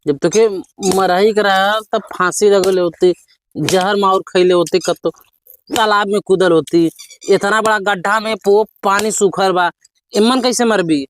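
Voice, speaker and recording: A man's voice: high-pitched, measured pace. A man playing a drunken, stubborn village husband in a comedy sketch, muddled, repetitive and scolding in an Awadhi accent. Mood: scolding, dismissive. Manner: town drunk's muddled, repetitive, belligerent talk. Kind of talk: rural comedy sketch acting. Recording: noisy background with clicks.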